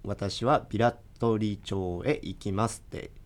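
A man's voice: fairly low pitch, measured pace. A man practicing new phrases as a learner guest, eager to try them out in casual chat.

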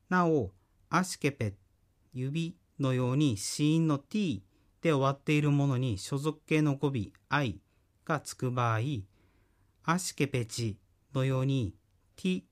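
A man gives a radio language lesson in a plain mid-range voice. He explains grammar point by point, slowly and carefully, with frequent pauses between phrases. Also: mid-range voice. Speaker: language teacher. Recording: radio broadcast.

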